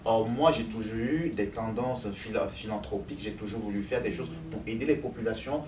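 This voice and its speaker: A man from Cameroon answers interview questions as a doctoral student, sounding thoughtful and hesitant with many fillers. His voice is lowish and brisk. The distant mic picks up an echoey room, noise, and crowd sounds.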